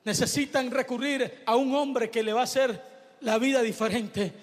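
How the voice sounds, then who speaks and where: A man preaching a fiery sermon, shouting in bursts and repeating phrases. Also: extremely high pitch, steady tone, moderate pace, big-room sound.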